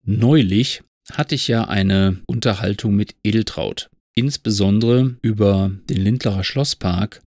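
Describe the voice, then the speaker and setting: Male podcast host, gravelly and lively, wry and rambling; dry close mic. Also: fairly low pitch, measured pace, few pauses, no echo. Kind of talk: monologue and poem reading.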